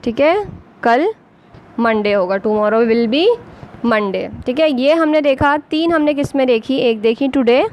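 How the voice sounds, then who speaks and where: Patiently and at a slow pace, an Urdu-accented woman walks beginners through simple English, spelling each word letter by letter. Her voice sits on the high side and sounds a bit mellow, and the recording quality is low.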